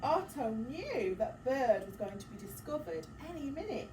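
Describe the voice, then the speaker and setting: Here a woman teacher with a high voice, speaking at an ordinary pace, reads a picture book to kids with plenty of expression. Dramatic gasps punctuate the story, and she breaks off for encouraging questions, asides and prompts. It's picked up on a distant mic in a roomy space, background noise clearly audible.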